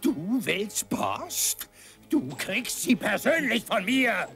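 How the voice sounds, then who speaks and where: A man's voice: high voice, huge pitch swings, slow pace, gravelly, fairly bright tone, heavily acted. A man voicing a short-tempered, sneering outlaw gang leader with barking threats in a dubbed cartoon. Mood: irritated. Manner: gloating, barking, mock-sweet threats. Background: music.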